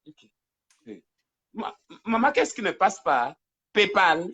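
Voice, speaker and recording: He takes it slowly, his high voice very animated, as he hosts a casual livestream from home into a phone. The host talks a lot and teases, his voice occasionally drifting from the mic, and he turns to quiet asides for phone calls.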